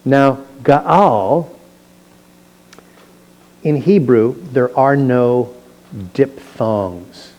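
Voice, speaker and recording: A male pastor teaching verse by verse through a Bible passage in a church, reading the text and then adding relaxed, conversational explanations. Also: medium pitch, extremely slow, pauses often, low-quality recording. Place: church sanctuary.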